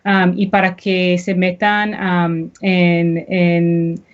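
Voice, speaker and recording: A woman from Colombia, an education nonprofit director, explaining her work in an earnest, steady way during a live online interview. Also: fairly low pitch, very slow. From Medellín, Colombia. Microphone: video call. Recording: dull lo-fi live-stream audio.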